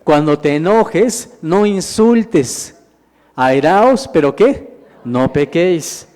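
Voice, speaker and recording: A man's slightly high, darkish voice with lively intonation unfolds slowly in a sermon. As a minister teaching the Bible with slides, he questions the congregation, calls them "hermanos," and answers himself, with long reverb from a big hall.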